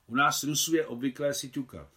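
A man reading aloud and voicing a bold, cool-headed young Russian countess in an audiobook, in a lively, playful way. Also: medium pitch, lightly acted.

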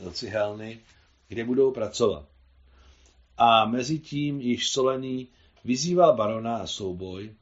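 A man reading his own translation of a novel aloud in a measured literary delivery, on a slightly dull recording. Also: lowish voice.

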